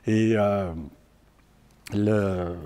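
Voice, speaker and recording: An older man from Quebec with a Québécois French accent gives a public talk as a community organizer, sharing personal stories. His fairly low, dark voice is flat and clean in tone. He speaks plainly and haltingly, repeating words.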